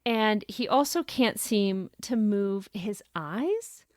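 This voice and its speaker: A woman's voice: medium pitch, lively intonation, takes it slowly, dry recording. Woman chatting about a book, thoughtful, reads bits out, dry close sound. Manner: thoughtful, reads quotes aloud. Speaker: podcast co-host. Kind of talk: casual book discussion.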